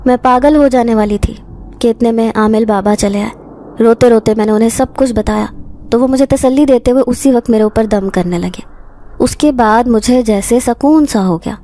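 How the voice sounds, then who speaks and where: A woman narrating a first-person horror story in a steady, dramatic storytelling manner. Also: a little high.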